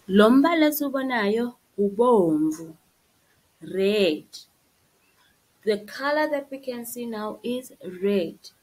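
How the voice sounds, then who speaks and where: A woman's voice: medium pitch, husky, poor audio. A woman with a South African accent giving a simple, repetitive language lesson to young beginners, as if reading to a toddler. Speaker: isiZulu language teacher. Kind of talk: slideshow vocabulary lesson for young beginners, bilingual.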